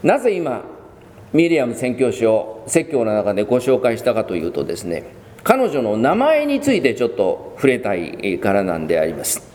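Male pastor preaching slowly, with a warm, animated delivery, in a reverberant church. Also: mid-range voice. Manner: measured, with many pauses and fillers. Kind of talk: sermon. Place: church sanctuary.

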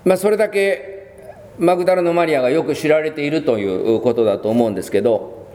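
A man serving as pastor, giving a measured sermon with many pauses and fillers in a church. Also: fairly high pitch, dark tone. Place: church sanctuary. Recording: long church reverb.

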